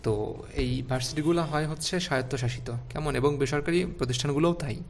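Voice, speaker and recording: Gravelly-voiced man teaching spelling rules. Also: fairly high pitch, brisk, a little hiss or hum. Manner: explains step by step, asks the class rhetorical questions. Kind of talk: online spelling lesson.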